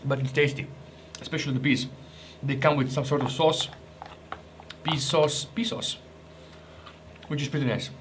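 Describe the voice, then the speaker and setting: Brief: young man, mid-pitched, chatty and jokey food vlogger, faint noise behind. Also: steady tone, normal speed. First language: Croatian. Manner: chatty, joking, restarts and hesitations. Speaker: ration reviewer. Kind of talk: casual food review vlog.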